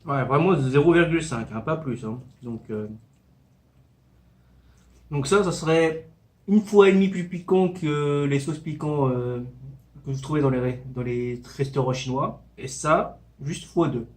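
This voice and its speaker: A man's voice: a little high, measured pace. A man giving a casual mukbang-style food review, talking between bites as he eats spicy noodles.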